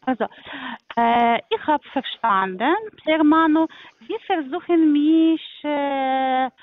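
Woman agent, non-native German accent, high voice, hesitant and repetitive, phone-line sound. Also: no echo. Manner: halting, hesitant, many fillers and repeated words. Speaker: call center agent. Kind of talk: phone sales call.

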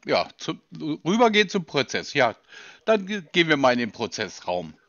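A man's voice: a little high, wildly swooping pitch, moderate pace, pushed and bright, no echo, muffled recording. A man on a call, answering with dry, skeptical, needling questions. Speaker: call recipient.

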